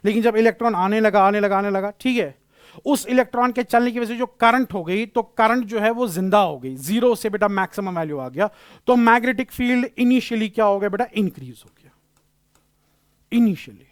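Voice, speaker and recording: A man's voice: high voice, fairly quick, smooth, dry recording, clean studio sound. A male physics teacher giving a classroom lecture, explaining patiently, repeating key phrases and using terms.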